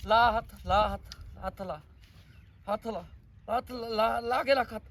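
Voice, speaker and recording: A man in a rural comedy sketch, scolding and threatening with loud bursts, then coaxing gently. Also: extremely high pitch, unhurried, distant mic, poor audio.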